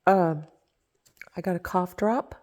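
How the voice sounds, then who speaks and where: A woman's voice: on the low side, takes it slowly, darkish tone. A woman from Virginia talking baby-talk to her dogs at home, sometimes dropping to a whisper. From Virginia, United States. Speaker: pet owner. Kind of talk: casual talk to pets. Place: at home with pets.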